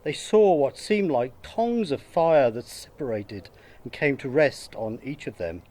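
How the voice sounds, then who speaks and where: Slow, measured male Scripture reader. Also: medium pitch. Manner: measured, steady narration. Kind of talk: church Bible reading.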